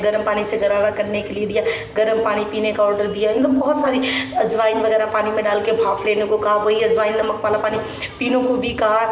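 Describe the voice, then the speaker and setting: Speaking to her viewers from home, a young woman vlogger sounds worn from a sore throat, her pitch fairly high. Her personal vlog is soft, halting and thoughtful, full of restarts on "matlab." The mic sits at a distance in an echoey room, and a faint hum runs underneath.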